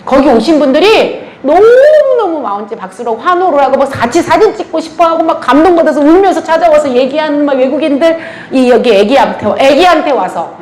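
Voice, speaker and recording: A woman's voice: sits high, a little fast, hardly any pauses. A middle-aged woman giving a church training talk, telling stories with lots of laughter. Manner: animated storytelling with frequent laughter. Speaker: church ministry lecturer. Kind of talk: lively anecdotal talk to a church audience. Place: church lecture hall. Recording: roomy hall with faint ambience.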